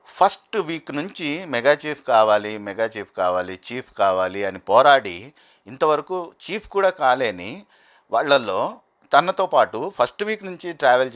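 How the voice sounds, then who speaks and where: A man giving argumentative commentary as a reality show reviewer. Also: medium pitch. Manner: animated, argumentative, quotes contestants in acted bursts.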